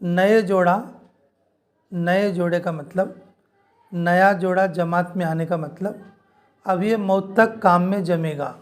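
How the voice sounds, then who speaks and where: A man's voice: high-pitched, fairly even intonation, slow pace, pauses often. A man. His informal sermon to a women's group is earnest and repetitive. He speaks directly to his listeners. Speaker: Islamic preacher.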